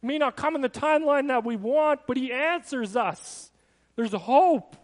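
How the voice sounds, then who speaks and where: A man's voice: extremely high pitch, expressive, normal speed, in a large hall. A man preaching a sermon in an earnest, conversational way, with personal asides. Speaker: pastor.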